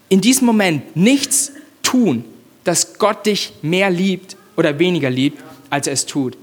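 Male preacher, emphatic and direct, higher register, long hall reverb. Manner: emphatic, addresses the congregation directly with repeated phrases. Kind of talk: sermon.

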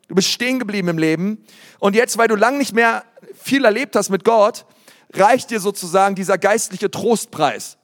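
A man delivers a sermon in a casual, energetic way, scattering fillers and English words. His voice sits high for a man. The church hall adds a long, ringing reverb. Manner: lively preaching, mimics congregants in put-on voices; casual, many fillers and anglicisms. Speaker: pastor.

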